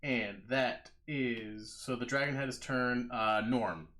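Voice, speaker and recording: A man's voice: mid-range voice, slow pace, bright, forceful tone. A man working as game master, narrating a live tabletop game in casual, profane banter. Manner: profane, informal.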